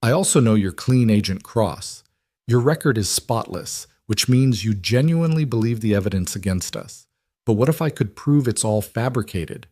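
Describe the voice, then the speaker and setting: Guy voicing a sharp cool lady ceo, level and probing, lowish dry voice. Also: expressive, normal speed, dry recording. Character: sharp, cool-headed female former CEO.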